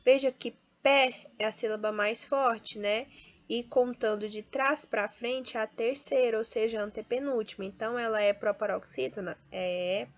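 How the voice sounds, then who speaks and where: A woman's voice: on the high side, steady tone, normal speed. A woman teacher with a Brazilian Portuguese accent who explains step by step and draws out each example word. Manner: explains step by step, often adds tag questions; stresses and drawls out example words. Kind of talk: classroom lesson.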